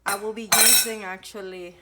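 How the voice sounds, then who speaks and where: This nutritionist from Ecuador keeps a steady tone and a moderate pace at medium pitch while giving a chatty cooking demonstration in her home kitchen, pausing to find words. The echoey room and dish clatter make it very noisy.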